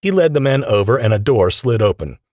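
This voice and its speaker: Male audiobook narrator, lively pitch, dry studio sound. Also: brisk, no room sound. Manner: expressive storytelling.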